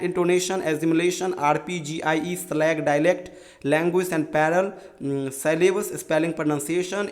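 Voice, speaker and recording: Young guy teacher going over exam pattern, kinda high voice, reads term lists slow. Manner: addresses listeners as friends, reads lists of terms slowly. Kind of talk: explaining an exam pattern to students.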